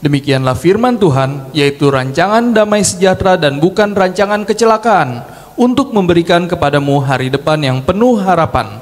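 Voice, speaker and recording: A man reading scripture aloud in a slow, measured, solemn way. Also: sits high, expressive. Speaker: scripture reader. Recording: distant mic in an echoing church.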